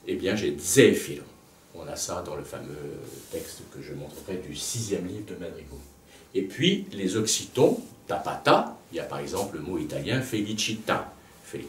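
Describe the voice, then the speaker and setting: A man teaching a music lesson at a blackboard, pausing to think aloud and repeating words to show where the stress falls. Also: rumbling low. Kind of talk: lecture at a blackboard. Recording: echoey room, voice from a distance, faint background noise.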